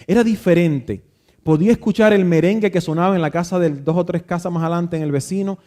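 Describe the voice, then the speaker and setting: A man's voice: high voice, fast talker, mellow. Man telling a sermon story. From Dominican Republic. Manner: reflective, nostalgic storytelling with frequent restarts. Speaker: pastor.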